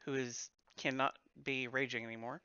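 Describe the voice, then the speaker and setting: A man acting as game master, casually narrating a tabletop game with measured, hesitant turn announcements. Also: mid-range voice, flat delivery, bright, forceful tone, clear, resonant tone, dry recording, lo-fi sound.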